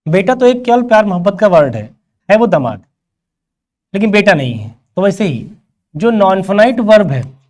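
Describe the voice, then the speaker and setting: A man's voice: high voice, big pitch swings, moderate pace, long pauses, darkish tone. A male teacher giving a grammar lecture, who asks rhetorical questions and answers them himself and calls his students "beta".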